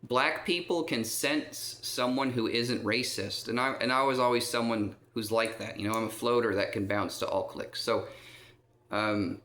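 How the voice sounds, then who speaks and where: A man with a mid-range, steady, fairly bright voice speaks at a normal pace as he vlogs from a resident's room in a care home. His long personal story rambles, punctuated by repeated "okay?" check-ins and many "um"s, and the recording sounds roomy and echoey.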